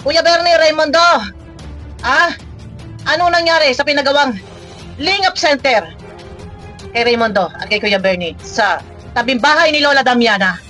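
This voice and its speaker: High bright-voiced woman teasing and scolding. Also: expressive, moderate pace, pauses often, faint music behind. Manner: mocking, scolding, laughs often. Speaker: reaction vlogger. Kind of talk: teasing reaction commentary.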